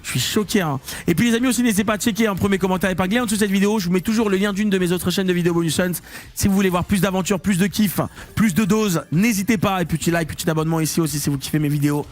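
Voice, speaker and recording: A man commentating his live slot-machine stream, slangy and excitable, swinging between low muttering and loud hype. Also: racing, faint music behind. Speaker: online casino streamer.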